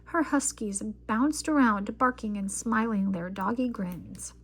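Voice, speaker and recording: A slightly slow, medium-pitched female voice brings a children's picture book to life as an expressive storyteller reading aloud.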